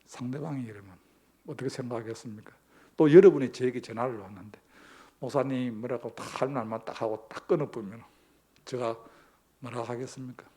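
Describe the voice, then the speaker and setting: A man's voice: mid-range voice, warm tone, husky. A male pastor, preaching a sermon emphatically and posing rhetorical questions to the congregation.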